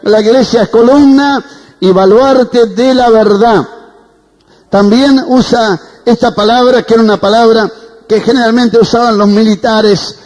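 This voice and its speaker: A male pastor delivers a fervent sermon in a very high voice. He keeps calling on the congregation for an amen. His words ring out with the long reverb of a hall. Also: fairly even intonation, measured pace, a little mellow. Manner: preaching fervently, asks for amens.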